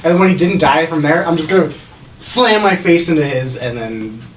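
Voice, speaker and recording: A man's voice: on the high side, brisk. A man chatting casually as a player in a tabletop game. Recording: distant mic in noisy room.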